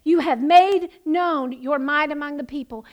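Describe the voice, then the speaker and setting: A woman's voice: high voice, measured pace. A woman pastor preaching a sermon, passionate and building to emphatic proclamations.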